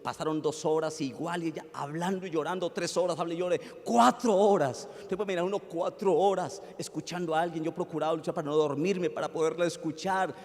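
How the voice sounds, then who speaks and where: A man with a Colombian accent, a pastor preaching a sermon and telling a story, swinging from loud pleading to hushed tones. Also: on the high side, fairly even intonation, fast talker, hardly any pauses, in a large hall.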